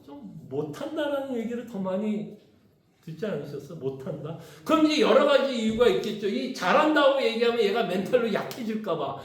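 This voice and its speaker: A man's voice: high voice, very animated, a little fast. A man, a pastor, leading a Bible study in a conversational way and often asking his congregation questions. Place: church hall. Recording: echoey church room.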